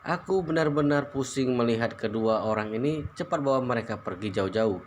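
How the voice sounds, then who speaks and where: A man reading the lines of a powerful young husband in a storybook, speaking flatly and curtly. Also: medium pitch, moderate pace, a little hiss or hum, lightly acted. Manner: flat, curt.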